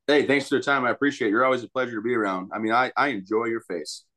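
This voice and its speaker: A man's voice: medium pitch, steady tone, very fast, bright, forceful tone. A man appearing as a podcast guest, joking and self-deprecating in casual chat.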